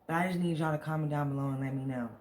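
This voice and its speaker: A man's voice: fairly high pitch, fairly even intonation, rapid-fire, a little mellow, slight background noise. An American man talking casually and at rambling length to viewers, venting in a storytime vlog. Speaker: vlogger. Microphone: camera on a tripod.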